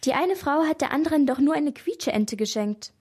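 A nervous, excitable young girl who talks breathlessly, read by a woman storyteller. She sounds high and anxious in a children's mystery story. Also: normal speed.

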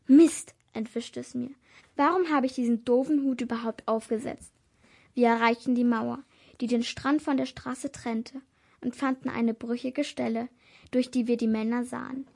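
Lady reading an audiobook, slightly high voice, hushed and tense. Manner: hushed, suspenseful storytelling. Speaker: narrator. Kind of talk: audiobook narration.

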